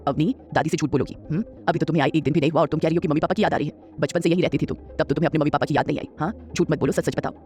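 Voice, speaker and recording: A man's voice: on the high side, steady tone, racing, few pauses, darkish tone, lightly acted. A man voicing a fond, teasing old grandmother. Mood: coaxing. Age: older. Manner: coaxing, scolding with affection. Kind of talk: audio drama storytelling.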